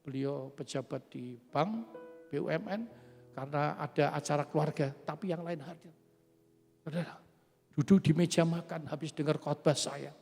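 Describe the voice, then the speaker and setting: Gravelly high-voiced man in his seventies preaching. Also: moderate pace, a little mellow. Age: 70s. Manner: emphatic, often addresses the congregation directly. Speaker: preacher giving testimony. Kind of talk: sermon. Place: church hall. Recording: echoey church hall with faint music.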